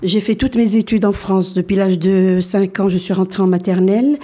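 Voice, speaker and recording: A woman in her sixties, born in Algeria, telling her life story as a radio guest and often pausing to restart her sentences. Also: medium pitch, fairly even intonation, mellow. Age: 60s. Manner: hesitant, many fillers and restarts.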